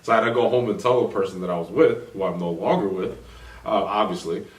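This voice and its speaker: A man co-hosting a podcast, chatting casually with wry, deadpan remarks. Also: lowish voice, fast, recorded from a distance. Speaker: podcast co-host. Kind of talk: casual chat. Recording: roomy, from away from the mic.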